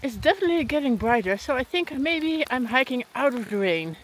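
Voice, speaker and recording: A woman's voice: sits high, very animated, a little fast, noisy background. A woman hiking vlogger talking casually outdoors on a mountain trail in the rain, chatty with frequent fillers. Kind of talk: casual vlog narration while hiking.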